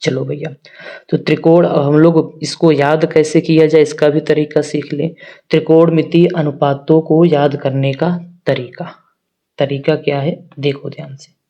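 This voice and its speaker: Mellow-voiced male maths teacher, quizzing students. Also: on the high side, flat delivery, unhurried, highs cut off. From northern India. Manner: talks directly to students, asking questions and answering them himself. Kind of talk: classroom-style maths lesson.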